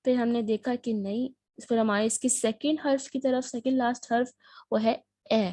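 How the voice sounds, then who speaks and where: A woman's voice: fairly high pitch, fairly even intonation, mellow, no echo. A woman teaching a spoken language lesson, patient, repeating words and asking herself questions as she explains. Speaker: Turkish teacher.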